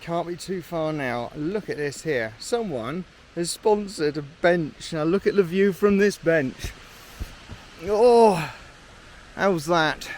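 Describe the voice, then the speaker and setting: A male vlogger talks to a handheld camera on a mountain trail, chatting casually while walking and a bit out of breath. His fairly high voice moves at a measured pace with hardly any pauses. Slight background noise is audible.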